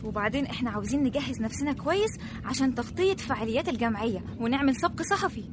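A woman's voice: high-pitched, animated, rapid-fire, background noise. A woman voicing an earnest young assistant reporter with an Egyptian accent, polite but exasperated.

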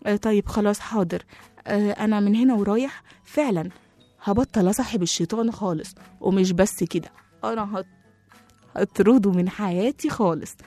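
A woman's voice: fairly quick, long pauses, warm tone, faint music behind, natural voice. A woman playing a scared little boy. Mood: contrite. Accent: Egyptian Arabic. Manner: high, worried, pleading. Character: anxious young boy, easily scared.

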